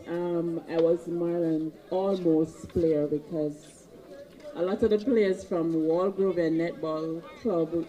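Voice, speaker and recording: A woman with a Jamaican accent giving an informal tribute at a wake, pausing often with ums. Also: lowish voice, mellow, low-quality recording. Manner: rambling, pauses with ums. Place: outdoor wake gathering.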